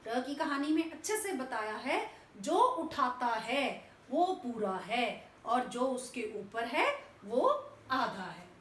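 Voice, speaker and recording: A woman teacher slowly and patiently spelling out words sound by sound, asking and answering her own questions. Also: high voice, expressive, far from the mic. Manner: slow, patient, spells out each sound step by step. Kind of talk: classroom lesson explaining spelling. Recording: echoey room, voice off-mic, faint background noise.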